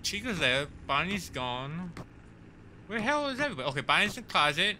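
A man giving casual commentary while he plays a horror game. He is excitable, swears when startled and talks to the characters on screen. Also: sits high, brisk, background noise. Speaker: let's play host.

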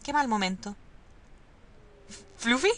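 A woman's voice: on the high side, slow pace, fairly bright tone, a little hiss or hum. A woman reading aloud the lines of a troubled young man searching a ruined hospital, in a plain reading voice. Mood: worried. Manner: reads dialogue boxes aloud, plainly.

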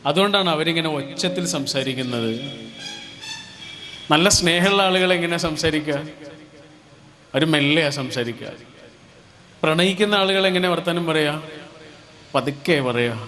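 A man giving a motivational speech at a community gathering, talking in a gentle, reflective way and pausing between short phrases. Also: fairly high pitch. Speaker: speaker.

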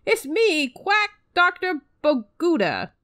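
A woman voicing a fussy male quack doctor with a weird lisp, reading his lines slowly and drawn out. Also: very high-pitched, big pitch swings, pushed and bright, voice pushed up, heavily acted.

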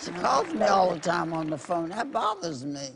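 A woman's voice: mid-range voice, big pitch swings, normal speed, gravelly, a loud crowd. Really old lady, spry n feisty, blunt talker, audience noise behind. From West Virginia. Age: 90s or older. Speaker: talk show guest. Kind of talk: casual chat. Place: TV studio couch before an audience. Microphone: body-worn wireless mic. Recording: noisy studio with audience.

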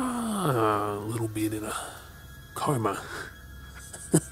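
Creepy male stalker played by a man for ASMR role-play: obsessive, menacingly tender, very slow delivery, music underneath. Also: medium pitch. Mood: creepy, gloating, then possessive, yearning. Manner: creepy, slow, hesitant pauses with mocking softness.

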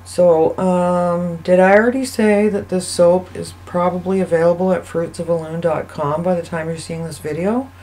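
A woman hosting a soap-making channel, giving a casual, chatty voice-over that rambles and thinks out loud as she goes. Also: on the low side, fairly even intonation, moderate pace, few pauses, low-quality recording. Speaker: soap maker and channel host. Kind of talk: casual voice-over narration of a craft video.

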